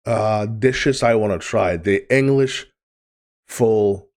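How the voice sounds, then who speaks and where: A man from Sweden with a Swedish accent, talking through a video in casual reaction commentary, eager and blunt with drawn-out pauses. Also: lowish voice, darkish tone.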